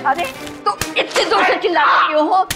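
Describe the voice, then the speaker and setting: An actress playing a hard-of-hearing, feisty old mother who keeps mishearing and scolds loudly in a TV crime drama. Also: very high-pitched, moderate pace, over music. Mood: comic scolding. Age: older. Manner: loud, scolding, comic mishearing.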